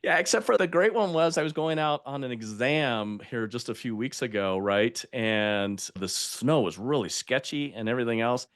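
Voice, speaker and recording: A man's voice: medium pitch, normal speed, few pauses, fairly bright tone, dry recording, clean studio sound. An older man speaking as a podcast guest, telling stories in an emphatic way and laughing at himself. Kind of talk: conversational interview.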